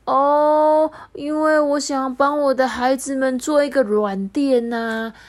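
Brief: embarrassed storybook bird parent, raised pitch, apologetic, voiced by a woman. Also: fairly even intonation, slow pace. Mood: sheepish. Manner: sheepish, apologetic.

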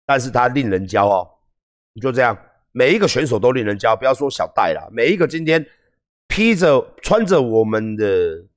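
A Taiwanese man with a Taiwanese Mandarin accent ranting on a livestream, profane and heated, swinging between calm lecturing and yelling. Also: medium pitch, normal speed. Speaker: livestream host. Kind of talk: livestream rant.

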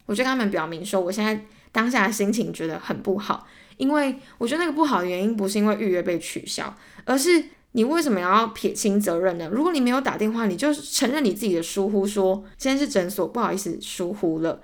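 This solo podcast host, a young woman with a Taiwanese Mandarin accent, talks fast and animatedly in a mid-range voice. Her casual storytelling turns into a rant as she acts out both sides of arguments and becomes heated and exasperated.

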